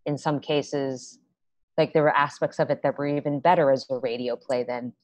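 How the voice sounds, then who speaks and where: Deep-voiced young woman on a video call. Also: fairly even intonation, normal speed, dry recording. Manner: chatty, many fillers and restarts. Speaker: playwright guest. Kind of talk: casual video-call interview. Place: small room at home. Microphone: laptop webcam on video call. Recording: dry, dull video-call audio.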